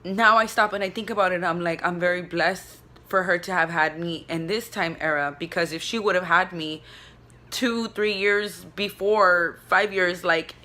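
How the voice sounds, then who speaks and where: A young woman talks straight into her phone from bed, her voice bright and forceful in a lowish register. She rambles casually, swearing freely and peppering everything with "like". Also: fairly even intonation, normal speed. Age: young adult. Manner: rambling, profane, filler-heavy with constant "like". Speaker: vlogger. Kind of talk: casual confessional chat. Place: in bed at home. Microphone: phone camera.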